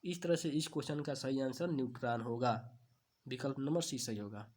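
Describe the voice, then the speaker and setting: A man teaching exam questions, asking each answer back as a question and then repeating it, stretching key terms slowly. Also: medium pitch, a little mellow. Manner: slow, drawn-out stresses on key terms. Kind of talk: quiz-answer lesson.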